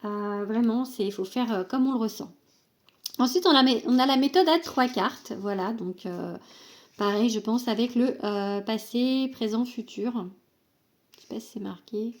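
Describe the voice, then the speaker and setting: Chatty woman with a slightly high voice. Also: normal speed. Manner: hesitant, many fillers and restarts; reads card texts aloud. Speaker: oracle deck reviewer. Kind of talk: casual deck presentation.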